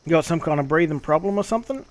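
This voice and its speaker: A man streaming a game, chatting casually and explaining things with swearing and halting pauses. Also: on the high side, animated. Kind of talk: casual gameplay commentary and chat.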